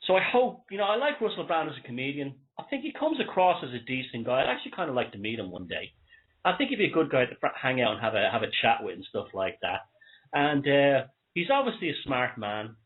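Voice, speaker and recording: An Irish man hosts a talk show in a loose, opinionated monologue. His breathing is wheezy and short, as in an asthma flare-up, and he leans on key words while keeping a conversational manner. His voice sits at an average male pitch, and the sound is thin and narrow like a phone line.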